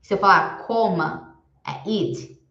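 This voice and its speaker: A woman teaching a recorded beginner class, explaining patiently and slowing down to spell out each example word. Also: medium pitch, fairly bright tone. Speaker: English teacher. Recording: echoey room, dull lo-fi sound.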